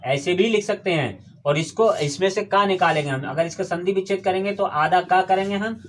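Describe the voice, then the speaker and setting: A male teacher with a notably high voice runs a classroom lesson. He keeps firing questions at the class and patiently repeats each key term until it sticks. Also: normal speed, a little hiss or hum. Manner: quizzes the class with call-and-response questions. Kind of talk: classroom Hindi grammar lesson. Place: classroom with students.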